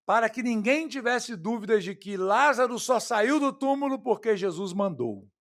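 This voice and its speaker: A man with a Brazilian Portuguese accent preaching an expository sermon, swinging from loud, emphatic lines to hushed, quiet ones and calling his listeners "queridos" and "irmãos". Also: very high voice, expressive, normal speed. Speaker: pastor.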